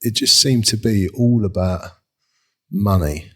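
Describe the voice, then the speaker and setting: A man's voice: fairly low pitch, takes it slowly, bright, forceful tone. A man, a designer, chatting in an interview in a rambling, self-mocking way and laughing often. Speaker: furniture designer, guest. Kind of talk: casual interview chat.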